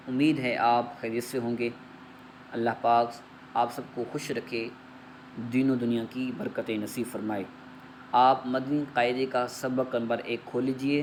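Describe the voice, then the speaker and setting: A man's voice: medium pitch, a little hiss or hum. Urdu-speaking man teaching Quran letters. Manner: slow measured opening recitation, then explaining letters patiently and repetitively. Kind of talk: Quran reading lesson.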